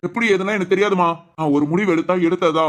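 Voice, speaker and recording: A stubborn, hot-headed grown son in a cartoon, voiced by a woman, fiercely protective of his mother. He talks very fast, ranting and insisting on getting his way. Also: lowish voice, natural voice. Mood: indignant. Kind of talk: Tamil family cartoon voice acting.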